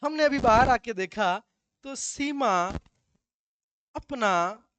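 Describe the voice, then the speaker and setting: A man's voice: very high voice, expressive, takes it slowly, fairly bright tone, a little hiss or hum. A male teacher giving a classroom grammar lesson, with joking asides and slips into local dialect.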